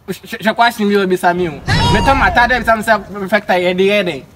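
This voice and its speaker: High-voiced young man with Ghanaian accent. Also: quick pace, noisy background. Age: 20s. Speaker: street quiz guest. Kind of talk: casual comic street interview in mixed local language and English. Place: outdoors by a roadside wall. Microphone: small handheld mic held between two speakers.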